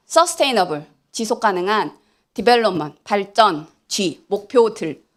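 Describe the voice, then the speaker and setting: A woman giving an animated lecture at church, asking the audience questions and acting out what people say. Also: fairly high pitch. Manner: animated, asks the audience questions, acts out quotes. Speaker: church lay speaker. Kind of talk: lively church lecture to youth. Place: church hall.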